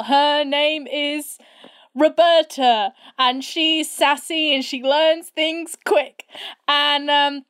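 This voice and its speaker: A woman's voice: sits high, a bit bright. A woman co-hosting a podcast in casual chat, recording on a phone under a blanket in her room, talking in a chatty, giggly, rambling way. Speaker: podcast co-host. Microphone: phone propped on a tissue box.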